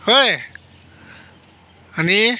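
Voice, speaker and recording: A woman's voice: mid-range voice, animated, very slow, slight background noise. A woman, chatting in a family vlog and coaxing a child with repeated questions. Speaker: vlogger interviewing a child. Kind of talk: casual family vlog chat. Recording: dull lo-fi phone audio.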